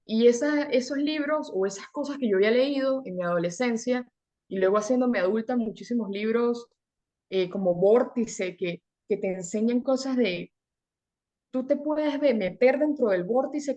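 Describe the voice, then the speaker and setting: A young adult woman from Venezuela, a guest in an interview, telling her story in an earnest, animated way, often repeating words for emphasis. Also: a little high. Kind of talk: conversational interview.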